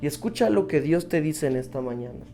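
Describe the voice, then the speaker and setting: A man's voice: a little high, lively intonation, fairly quick, dark tone, faint music behind. A man preaching a sermon who keeps checking in with his listeners through rhetorical questions.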